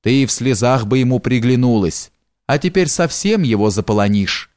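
A man's voice: medium pitch, expressive, normal speed, a little mellow, no room sound, studio quality, lightly acted. A man doing a sly wheedling steward. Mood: coaxing. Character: sly fawning male steward, flattering then fearful.

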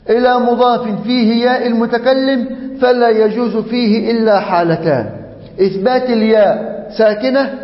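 A sheikh teaching a grammar lesson, chanting verses slowly and drilling examples for his class. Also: sits high. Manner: slow, drawn-out chanting of Quran verses and example forms; repeats examples to drill the class, checks in with the students. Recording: dull, echoey lecture hall audio.

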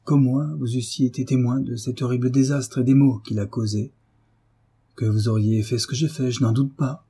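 A man voicing a gentle, patient young wife who speaks softly and pleadingly, in his own reading voice. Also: mid-range voice, flat delivery, moderate pace, slightly rough. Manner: soft, pleading.

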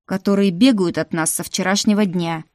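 A woman's voice: fairly low pitch, fairly even intonation, moderate pace, a little mellow, no room sound, studio quality, close to an everyday voice. Brief: a woman voicing a blunt young dragon man, barked line, storybook reading. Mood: barking. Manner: barking, blunt.

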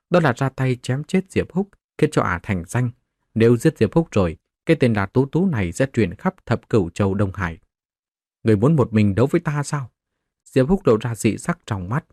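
A man's voice: mid-range voice, dry recording, studio quality. A man narrating a martial-arts novel as a scripted audiobook, voicing the characters in his own voice.

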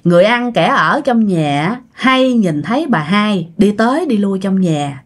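A woman's voice: mid-range voice, animated, unhurried. A woman with a Southern Vietnamese accent narrating a ghost story in a chatty way, speaking straight to her listeners. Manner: chatty, addresses listeners directly.

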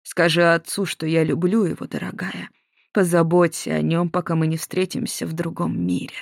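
A narrator voicing a frail older mother, calm and loving as she speaks to her daughter. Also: mid-range voice, normal speed, vocal fry, no echo, studio quality.

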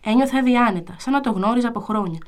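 A woman reading a first-person story aloud in a calm, measured storytelling manner. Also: on the high side. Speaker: reader.

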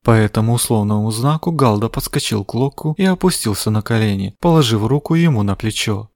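A man narrating a fantasy novel as an audiobook in a measured storytelling manner. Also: fairly low pitch, expressive, darkish tone, no echo. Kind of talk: scripted narration. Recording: dry close studio sound.

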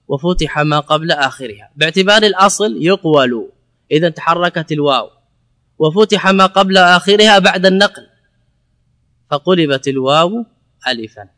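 A man giving a classroom lecture on Arabic grammar, explaining step by step, asking and answering his own questions and repeating words slowly as a drill. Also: fairly high pitch, pushed and bright.

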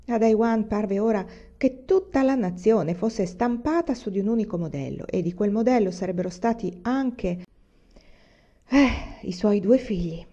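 A woman reads a novel aloud in a calm, measured audiobook style. Her voice is dark and mellow, and the recording sounds dull and lo-fi. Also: medium pitch. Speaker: reader.

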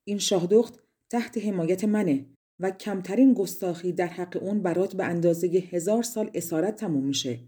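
A woman's voice: lowish voice, dark tone, natural voice. A woman voicing a powerful female fairy who guards a princess, stern and warning.

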